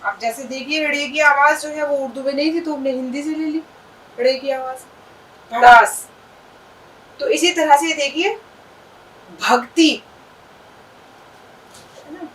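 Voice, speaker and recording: A woman with a high voice gives an Urdu lesson, patiently sounding out letters and words. She draws out each sound and checks in with her listeners. She sounds a little distant from the microphone. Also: a little slow, long pauses, fairly bright tone. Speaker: Urdu teacher. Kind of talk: language lesson.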